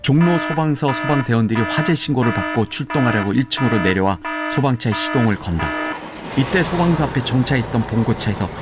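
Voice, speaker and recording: A man narrates a radio drama with music playing underneath, telling the story in an even, descriptive way. His voice is medium-pitched and fairly quick.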